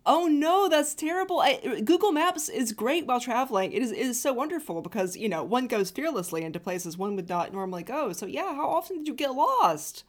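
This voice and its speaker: Woman author, teasing, laughing, wide-ranging pitch, casual podcast. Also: sing-song, fairly quick, hardly any pauses.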